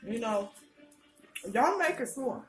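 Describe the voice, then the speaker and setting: A woman's voice: on the high side, expressive, measured pace, soft background music. A woman chats casually and frankly between bites of crunchy fried chicken, in a colloquial mukbang style. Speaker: vlogger. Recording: roomy, distant mic, faint noise, clicks.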